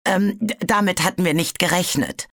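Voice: mid-range voice, normal speed, a bit bright, no echo, clean studio sound, pitched above the performer's own voice. A storybook narrator voicing a nervous male dragon who stammers and hesitates. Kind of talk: audiobook character voice.

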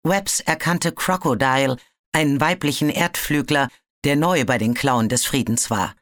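An audiobook narrator reading a fantasy story in a steady storytelling manner. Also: medium pitch, normal speed, no echo, studio quality.

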